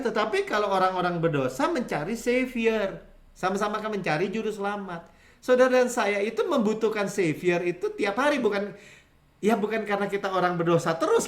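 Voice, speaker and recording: Brief: fifties pastor, high voice, conversational sermon with acted-out quotes, echoey hall. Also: male voice. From Indonesia. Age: 50s. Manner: animated storytelling, acting out quoted voices, frequent chuckles. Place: church sanctuary.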